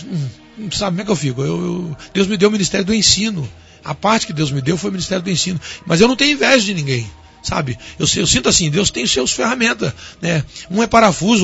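A man's voice: on the high side, gravelly, fairly bright tone. A man with a Brazilian Portuguese accent, a pastor giving a folksy, preachy testimony in a radio interview. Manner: folksy, preachy, addresses listener as "rapaz". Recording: dull radio broadcast, faint music.

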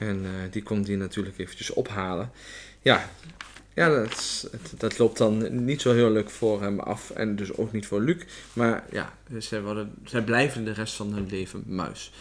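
Co-host, male, casual book talk from a living room, halting delivery. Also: lowish voice, fairly even intonation, a little hiss or hum. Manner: hesitant, many fillers. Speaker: podcast co-host. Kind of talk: casual book discussion and reading aloud.

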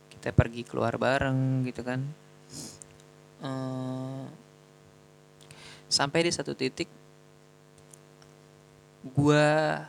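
A man's voice: mid-range voice, vocal fry, slight background noise, rough recording. A young man casually telling a personal story in a chatty, slangy, self-mocking way. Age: young adult.

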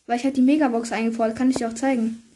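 Excitable young woman gaming host, high-pitched. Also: a little hiss or hum. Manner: excitable, slangy, quick banter with gasps. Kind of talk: casual gaming commentary.

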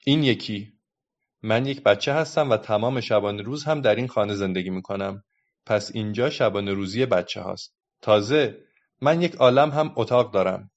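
A man voicing a cheeky, quick-witted little girl who talks playfully, in a dull lo-fi recording. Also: on the low side, close to an everyday voice.

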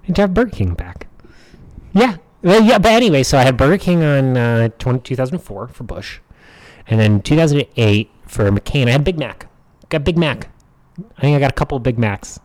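An American man in his thirties with a standard American accent and a mid-pitched voice. He chats casually as a podcast co-host, acting out reactions as he tells a story. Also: big pitch swings, moderate pace, a little mellow, poor audio. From United States. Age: 30s.

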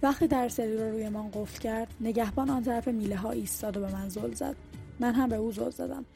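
A woman narrates an audiobook in a measured reading voice, slightly high for a woman. Clear music plays underneath her throughout. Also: steady tone. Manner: reads all characters herself, dialogue lightly voiced. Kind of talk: scripted narration over music. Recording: music bed behind the voice.

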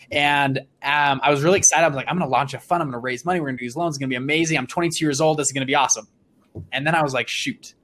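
A young man in his twenties, an interview guest, telling his story with energy and enthusiasm. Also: fairly high pitch. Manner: energetic, enthusiastic, with frequent restarts.

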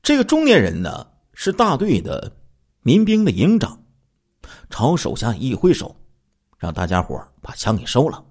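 A man's voice: mid-range voice, normal speed, slightly rough. A man narrating a crime story in a dramatic storytelling style, drawing out his phrases with particles. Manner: animated, draws out phrases with 啊 and 呢 particles.

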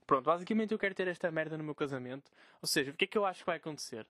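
A man's voice: on the high side, expressive, rapid-fire, sharp tone. A young man with a Portuguese accent ranting in a casual solo podcast from his bedroom, swearing freely and mocking the people he quotes. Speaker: podcast host.

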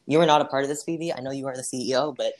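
A rapid-fire, medium-pitched voice belongs to someone role-playing a singer as an interview guest. The exchange is casual, and the speaker hesitates, relies heavily on fillers, and shrugs off mistakes with a laugh.

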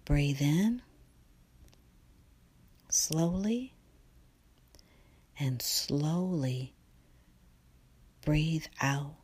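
A woman leads a guided relaxation meditation at a very slow, unhurried pace, her low voice drifting often into a soft whisper. The sound is dry and close, with no room around it. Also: expressive, breathy edge, no echo.

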